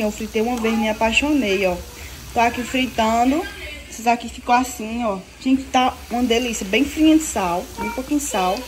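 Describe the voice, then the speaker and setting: A woman's voice: a little high, a little hiss or hum. A young woman from Brazil, chatting casually to viewers while cooking lunch in her home kitchen, filmed on a phone at arm's length. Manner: chatty, addresses viewers as "gente". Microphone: phone held at arm's length.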